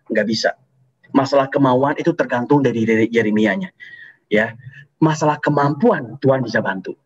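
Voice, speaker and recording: A man preaching an online youth sermon in a lively, conversational way, repeating his key points. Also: a little high, breathy edge, dull audio. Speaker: youth pastor.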